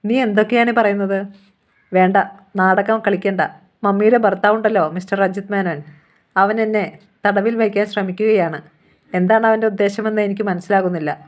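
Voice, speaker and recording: A woman's voice: medium pitch, steady tone, normal speed, close to an everyday voice. A woman voicing a defiant, angry young heiress who accuses and demands answers.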